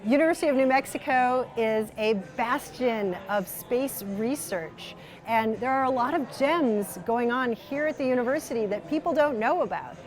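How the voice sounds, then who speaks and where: A woman's voice: fairly high pitch, normal speed. A woman giving promotional interview remarks as a spokesperson.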